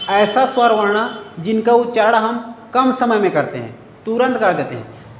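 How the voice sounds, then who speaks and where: High-voiced man teaching in an echoey room. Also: a little hiss or hum. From India. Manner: repetitive, drilling with check-ins. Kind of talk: grammar lesson. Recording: echoey room with faint ambience.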